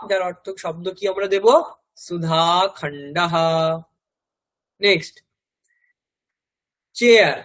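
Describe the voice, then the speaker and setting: A man's voice: sits high, a bit bright, poor audio. A man with a West Bengal Bengali accent teaching a Sanskrit class. He spells each word out letter by letter and repeats it several times. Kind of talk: classroom language lesson.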